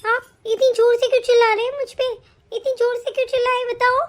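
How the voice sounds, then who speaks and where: A woman voicing a sly young daughter-in-law in an animated story, indignant and protesting. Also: very high-pitched, fast, slight background noise.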